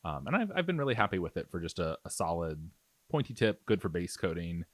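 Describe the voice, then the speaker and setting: Deep-voiced, very animated and fast, this miniature painting host talks over his work in a dry recording. The narration is casual and explanatory, sounding like thoughts spoken aloud.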